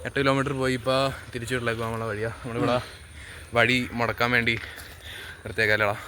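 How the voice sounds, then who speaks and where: Male vlogger, Kerala accent, mid-pitched, casual Malayalam-English mix, recorded on a handheld phone with clear outdoor noise. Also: little pitch movement, fast talker. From Kerala, India. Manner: mixes English words into Malayalam. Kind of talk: casual cycling vlog chat. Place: outdoors on roads while cycling. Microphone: handheld phone camera while riding. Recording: noisy outdoor recording with vehicle sounds.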